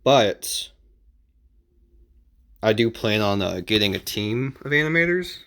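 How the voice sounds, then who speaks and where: A man speaking as an amateur video creator hands out casual advice in an informal, halting, repetitive manner. He sounds animated, with a lowish voice and a fairly bright tone.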